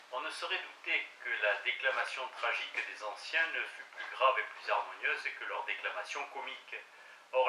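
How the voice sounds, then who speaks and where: A man reading a classic treatise aloud in a measured, formal manner. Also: mid-range voice, sharp tone, recorded from a distance, slight background noise. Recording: roomy echo, voice set back from the mic.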